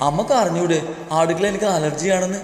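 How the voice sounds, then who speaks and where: A man's voice: sits high, quick pace, a little mellow, natural voice. A man voicing a lazy, cheeky, spoiled young daughter in a storybook, talking in a teasing, whiny and dramatic way. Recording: echoey reverberant room with music.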